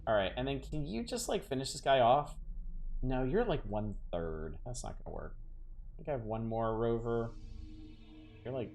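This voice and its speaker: A man's voice: mid-range voice, very animated, normal speed, creaky, darkish tone. A man streaming a video game, thinking aloud in a casual, wry way. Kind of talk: casual gameplay commentary. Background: faint game music.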